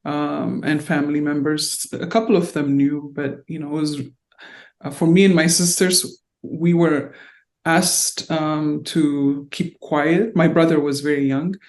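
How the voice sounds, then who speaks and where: A middle-aged woman born in Ethiopia and raised in North Carolina, a diplomat recalling her life in an oral history interview, halting and reflective with many fillers. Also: low-pitched, steady tone, a little mellow.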